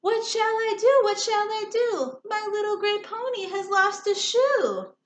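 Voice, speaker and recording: A woman's voice: very high-pitched, animated, unhurried, voice pushed up. A woman voicing a worried storybook man who owns a pony, crying out in sing-song exclamations. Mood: worried, dismayed. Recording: roomy echo, noticeable background noise.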